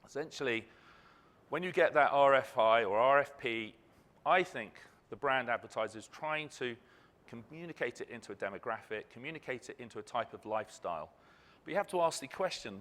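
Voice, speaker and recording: A man's voice: medium pitch, lively intonation, fairly quick, a bit bright. A man giving a conference presentation, speaking with emphatic phrasing and posing rhetorical questions. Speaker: ad technology company speaker. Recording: reverberant hall.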